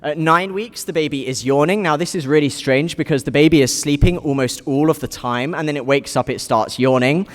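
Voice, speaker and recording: Man, keynote speaker at a youth event, pitched a touch high, dry asides, big echoing hall. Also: a little fast, few pauses. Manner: explanatory with dry jokes aside. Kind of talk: conference keynote speech. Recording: hall reverb.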